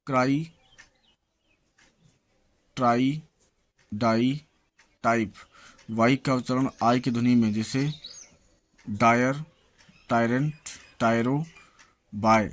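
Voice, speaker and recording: A man teaching English pronunciation, slowly reading out example words one by one, then encouraging his viewers to keep practising. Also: mid-range voice. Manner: slow, listing words one by one.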